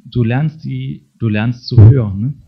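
A man's voice: mid-range voice, unhurried, creaky. A middle-aged man preaching a conversational sermon, speaking straight to his listeners and ending many sentences with a questioning tag. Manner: talks to the congregation directly, tags sentences with a questioning "ne?". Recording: dull lo-fi sermon recording.

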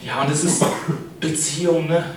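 Chatty preacher in an echoey hall. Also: male voice, a little high, fairly even intonation, normal speed, a little mellow, distant mic, a little hiss or hum. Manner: chatty, keeps adding "ne?" to address the congregation. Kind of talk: casual sermon.

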